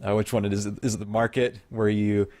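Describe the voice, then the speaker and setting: A man co-hosting a gaming podcast, chatting in a relaxed way and often trailing off and restarting. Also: on the low side, brisk. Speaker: podcast co-host. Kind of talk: casual gaming podcast chat.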